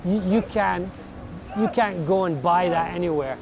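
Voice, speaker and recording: A Scottish man in his sixties, reflecting in a documentary interview, thoughtful and earnest, pausing and repeating words as he searches for them. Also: sits high, background noise. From Scotland. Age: 60s. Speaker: barefoot walker interviewed.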